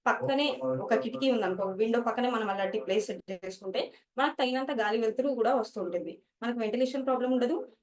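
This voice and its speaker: A woman's voice: mid-range voice, a little mellow, distant mic. A woman teacher, explaining study skills to students and mixing English words into her talk.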